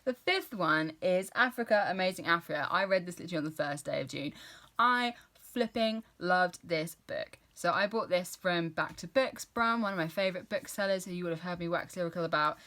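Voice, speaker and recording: A British book vlogger in her thirties chats casually and enthusiastically about books she's read, rambling a little and leaning on plenty of fillers. Her voice is lowish, expressive, and sharp in tone, with a fairly quick pace.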